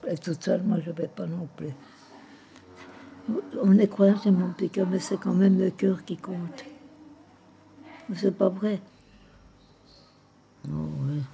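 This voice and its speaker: A woman's voice: on the low side, fairly even intonation, slow pace, creaky, long pauses. An elderly woman in a nursing home room chatting tenderly with a visitor, rambling and humming old songs. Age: older. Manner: calls the listener "my little heart" constantly, rambling and tender; hums and half-sings old songs softly. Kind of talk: casual chat with a visitor.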